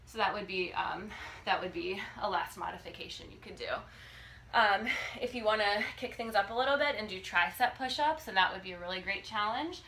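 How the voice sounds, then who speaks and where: A woman in her thirties talks through an exercise demonstration in a bright, forceful voice at a medium pitch. Her delivery is casual and a little halting, with frequent check-ins as she instructs. It is a home video recorded a few feet from the mic, with faint background noise. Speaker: fitness coach demonstrating exercises. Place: living room, indoors. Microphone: phone or camera a few feet away.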